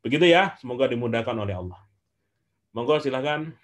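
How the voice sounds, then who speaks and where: A man, answering questions as guest speaker in an online class, telling stories in a lively way with frequent "eh" fillers. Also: mid-range voice, brisk. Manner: animated storyteller with frequent "eh" fillers.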